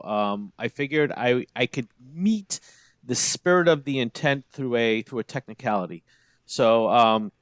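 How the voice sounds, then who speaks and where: A man in his forties chatting casually as a co-host, talking haltingly with many fillers and restarts. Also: mid-range voice, no room sound. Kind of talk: casual chat.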